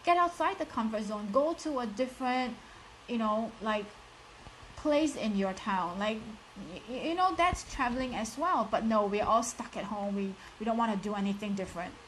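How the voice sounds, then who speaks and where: Her voice leans high and fairly bright, expressive and at a moderate pace, though the audio is poor with a little hiss or hum. She's a woman in her thirties with a strong Singaporean accent, a life coach giving a live motivational talk straight to viewers, direct and encouraging and heavy on "like" and "you know."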